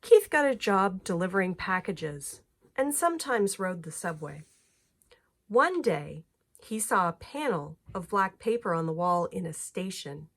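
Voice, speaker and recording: A woman reads a children's picture book aloud with expressive storytelling, phrasing things clearly for young listeners. Her voice is lowish and unhurried.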